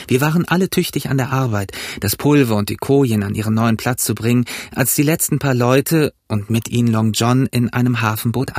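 A man narrating an audiobook in an even storytelling delivery. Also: mid-range voice, slightly rough, no room sound, clean studio sound. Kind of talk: scripted narration.

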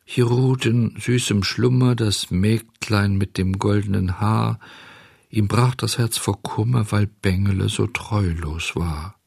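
A man's voice: on the low side, slow, gravelly, husky, no room sound, clean studio sound, heavily acted. A man doing a droning, mournful beetle. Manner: monotone, mournful singsong.

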